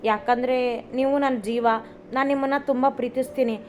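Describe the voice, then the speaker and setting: A woman's voice: sits high, fairly even intonation, moderate pace, a little mellow, a little hiss or hum, lightly acted. A woman voicing a young wife who pleads with her husband, close to tears. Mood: pleading. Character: young wife, anxious and tearful, loving. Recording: slightly dull recording, faint music.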